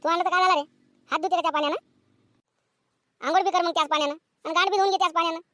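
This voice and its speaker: A woman voicing a sharp-tongued, nagging village mother in a cartoon comedy. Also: extremely high pitch, fairly even intonation, dry recording. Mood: scolding. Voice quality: nagging, scolding, rapid-fire.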